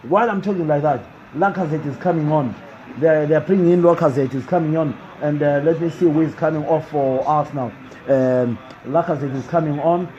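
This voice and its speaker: A man's voice: on the high side, fairly quick, mellow, lo-fi sound, a little hiss or hum. A man hosting a live football talk stream indoors, repeating his questions and calling on viewers to reply. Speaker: sports show host. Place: indoors in a building.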